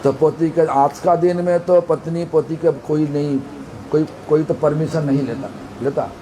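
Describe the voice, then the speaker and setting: Man, spiritual teacher, devotional sermon, slightly high voice, emphatic repetition, asks listeners questions. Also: fairly even intonation, a little slow, dark tone, slight background noise, poor audio.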